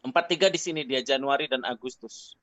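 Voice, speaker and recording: A man's voice: mid-range voice, brisk, a bit bright, no echo. A man heard over an online call line, a guest expert explaining things in a chatty, casual way. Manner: chatty, often ends phrases with a casual tag. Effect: heard over an online call line that drops out. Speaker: guest expert answering questions. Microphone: remote call mic. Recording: dull, dry call audio.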